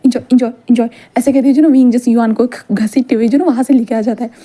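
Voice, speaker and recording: A woman's voice: on the high side, steady tone, quick pace, warm tone. A woman reading her own fan-fiction story aloud in a plain, conversational way, with frequent fillers.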